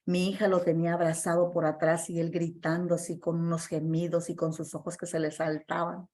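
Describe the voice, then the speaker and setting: A woman's voice: lowish voice, flat delivery, a little fast, darkish tone. A woman preaching a sermon and telling a testimony in an earnest, emphatic way, with many fillers and restarts.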